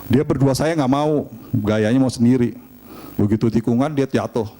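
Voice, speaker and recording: A middle-aged man, preaching a sermon and telling family stories in an animated, humorous way. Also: medium pitch, normal speed. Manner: animated storytelling, chatty and humorous. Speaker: pastor.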